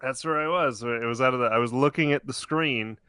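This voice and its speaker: A man's voice: mid-range voice, a little fast, pushed and bright, clear, resonant tone, dry recording, clean studio sound. A man co-hosting a podcast in casual chat, rambling and losing his train of thought. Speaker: podcast co-host.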